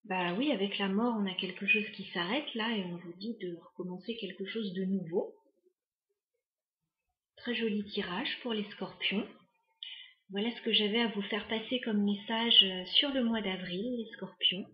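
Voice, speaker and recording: A woman giving a casual tarot reading to her viewers, musing and hesitant with many pauses and fillers. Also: mid-range voice, echoey room, dull audio. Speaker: tarot card reader.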